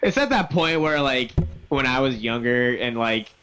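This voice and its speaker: A man's voice: mid-range voice, normal speed, slight background noise. A man, co-hosting a podcast and telling stories candidly, with swearing. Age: 20s. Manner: candid, swearing, animated storytelling. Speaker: podcast co-host. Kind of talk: casual chat.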